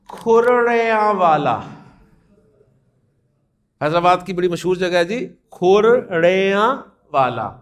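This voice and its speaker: High-voiced man teaching Arabic letters. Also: fairly bright tone. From Pakistan. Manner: repeats letters aloud slowly, asks the class questions; sprinkles Urdu with English words, friendly teaching tone. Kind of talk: classroom lesson on the Arabic alphabet.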